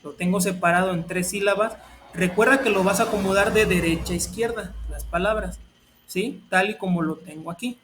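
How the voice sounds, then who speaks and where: Male teacher, high voice, patient lesson delivery. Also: a little fast, noisy background. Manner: patient, step-by-step explaining. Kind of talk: explaining a grammar lesson.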